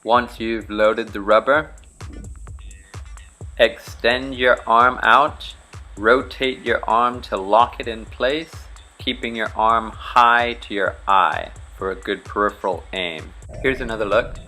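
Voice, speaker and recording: A young Bahamian man, a charter fishing captain, giving relaxed step-by-step spearfishing instructions in a vlog. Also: fairly low pitch, takes it slowly, soft background music. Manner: relaxed, practical, step-by-step explaining.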